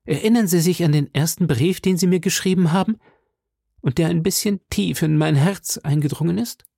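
In an audiobook, a reader voices a vain, boastful male musketeer who sounds affronted, speaking pompously and with self-pity. The voice is medium-pitched, moderately paced, creaky and warm, with a breathy edge and a pushed-up delivery. The recording is dry.

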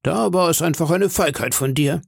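A man's voice: a little high, moderate pace, creaky, slightly rough, no room sound, studio quality, voice pushed up. Man voicing an earnest fatherly doctor. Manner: urgent, fatherly scolding. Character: earnest middle-aged male ship's doctor, fatherly. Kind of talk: audiobook reading.

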